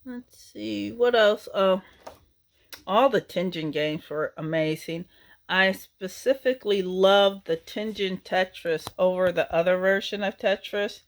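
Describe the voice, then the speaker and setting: A middle-aged woman of medium pitch talks a little slowly, wandering nostalgically through memories of her game collection in a relaxed conversation. She leans heavily on fillers like um and uh.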